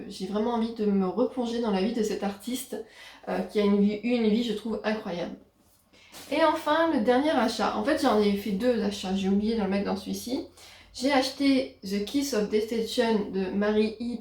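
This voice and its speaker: Chatty woman with a mellow voice. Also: fairly high pitch. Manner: chatty, hesitant with frequent pauses. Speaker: book vlogger. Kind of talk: casual book haul chat. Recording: roomy echo.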